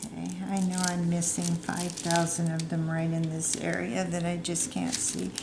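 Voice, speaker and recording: A woman's voice: fairly low pitch, completely flat delivery, normal speed. A middle-aged woman chatting casually and rambling while she works on a craft project at home, sometimes putting herself down. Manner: rambling, chatty, self-deprecating. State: hiccups. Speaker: crafting vlogger. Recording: echoey room with clear background noise.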